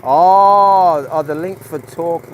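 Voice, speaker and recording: A man's voice: on the high side, slight background noise. A man from New Zealand chatting casually on a phone live stream outdoors at a night market, rambling and restarting his sentences. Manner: rambling, halting, with many restarts. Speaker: livestreaming vlogger.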